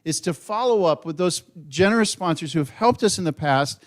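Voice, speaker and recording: A man addressing a church congregation, talking about his mission program with earnest energy. His voice sits slightly high for a man. He speaks like a presenter at the front of the room. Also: expressive, a little fast.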